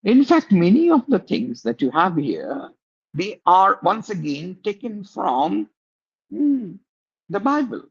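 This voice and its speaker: Male teacher, slow classroom lecture, many pauses and fillers, dull lo-fi recording. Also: high voice, very animated, gravelly, breathy edge. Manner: asks the class questions.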